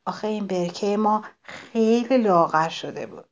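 A woman reading a story aloud to children, expressive and addressing them directly. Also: mid-range voice.

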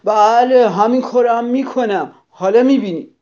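A woman's voice: on the low side, big pitch swings, muffled recording. A woman voicing a grumpy, bossy little ladybug. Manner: gruff, loud and hasty. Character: grumpy quarrelsome ladybug, small, boastful.

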